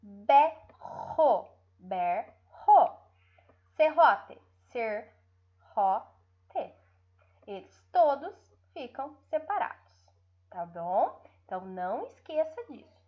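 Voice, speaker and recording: Brazilian woman teacher, higher voice, sing-song, stretches out syllables, dull lo-fi recording. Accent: Brazilian Portuguese. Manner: drawn-out syllables, frequent checking tags. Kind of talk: online lesson for young pupils.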